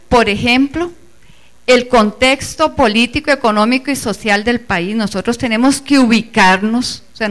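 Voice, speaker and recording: With a fairly high, slightly bright voice, a woman speaks for the organizing committee in front of gathered teachers. The public speech is earnest and emphatic, and she addresses everyone inclusively.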